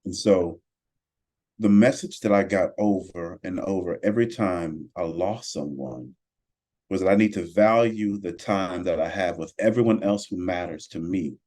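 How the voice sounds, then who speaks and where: A man in his forties on a podcast, speaking in an earnest, reflective, measured way. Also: deep voice, dark tone. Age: 40s. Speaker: podcast co-host.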